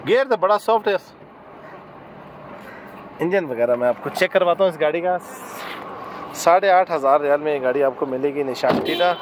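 A man's voice: on the high side, expressive, normal speed, long pauses, background noise. A man vlogging outdoors at a car market, chatting casually as he shows used cars to viewers. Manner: chatty, salesman-like, talks buyers through cars. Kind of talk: casual walkaround vlog.

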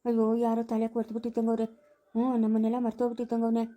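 A woman's voice: fairly high pitch, monotone, rapid-fire, mellow, pitched below the performer's own voice, lightly acted. A woman voicing a stubborn, forgetful old village man who grumbles with suspicion. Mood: puzzled.

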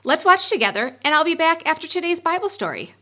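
A woman's voice: extremely high pitch, big pitch swings, fast talker, sharp tone. Upbeat woman hosting a kids' lesson. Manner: cheerful, talks straight to children. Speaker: children's ministry host.

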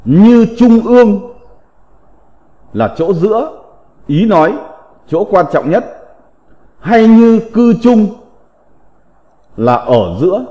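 A man teaching a slow recited vocabulary lesson, reading in a deliberate, measured way with drawn-out syllables. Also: high voice, sing-song, mellow, lo-fi sound. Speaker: teacher of classical characters. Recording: long reverb.

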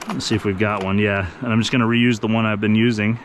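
A man's voice: fairly low pitch, steady tone, noisy background. A man in his thirties filming a casual fishing vlog outdoors on a riverbank, chatting upbeat to viewers on a handheld action camera. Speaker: fishing vlogger. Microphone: action camera held at arm's length. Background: rushing river water.

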